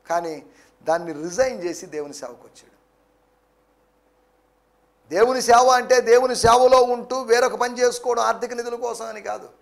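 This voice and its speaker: High, gravelly male preacher. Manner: preaching with English phrases mixed in, emphatic. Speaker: pastor. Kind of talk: sermon.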